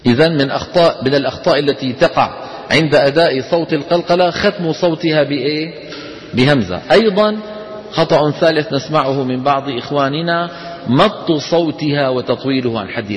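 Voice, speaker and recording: Guy teaching a class, fairly high voice, asks questions then answers them, long echo like a big hall. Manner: explanatory, poses questions and answers them himself. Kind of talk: classroom lesson.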